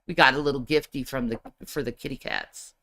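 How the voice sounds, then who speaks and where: A woman's voice: a bass voice, a little fast. A woman streamer chatting casually and sarcastically about online drama, sometimes mocking others with put-on voices. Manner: sarcastic, animated, mocking impressions. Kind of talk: casual commentary chat.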